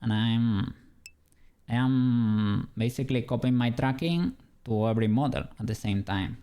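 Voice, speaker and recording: A Spanish man with a Spanish accent streams while working on an animation as a 3D rigger. His mid-range voice is clean and dark, a little slow, and he muses aloud to viewers with light laughter.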